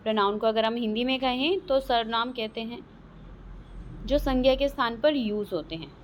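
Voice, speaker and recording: A woman with an Indian accent teaching an English grammar lesson, explaining terms in Hindi and often checking with "clear?". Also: on the high side, a little hiss or hum. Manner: slow, drawn-out, checks understanding with "clear?".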